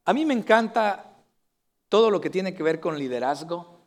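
A man's voice: high-pitched, lively intonation, moderate pace. A male pastor preaching an earnest sermon to his congregation, building to emphatic declarations.

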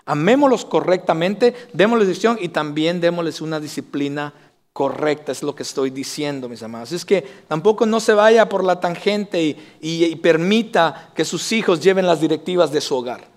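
A man's voice: a little high, normal speed. A man preaching a sermon as pastor, earnestly addressing his congregation directly.

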